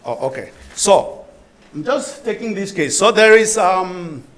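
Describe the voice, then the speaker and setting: A man's voice: sits high, animated, measured pace, a bit bright, low-quality recording. A middle-aged man from Cameroon giving an academic conference talk, thinking aloud with frequent restarts and asking for the next slide. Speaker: symposium presenter.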